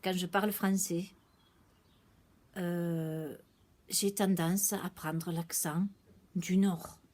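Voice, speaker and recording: A woman's voice: on the low side, steady tone, drawn-out words, a little mellow. A woman from South-West France talking in a casual vlog monologue, hesitant and thinking aloud as she restarts her sentences. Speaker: vlogger.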